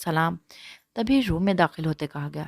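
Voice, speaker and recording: A woman narrating a romance novel in a steady, even reading voice. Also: on the low side, no echo, clean studio sound. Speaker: audiobook narrator.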